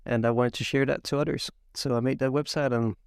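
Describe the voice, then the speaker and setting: A young man who grew up in Belgium, co-hosting a casual podcast as a software engineer, talking haltingly with many fillers but with enthusiasm. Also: medium pitch, steady tone, clear, resonant tone, dry recording, clean studio sound. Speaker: podcast co-host.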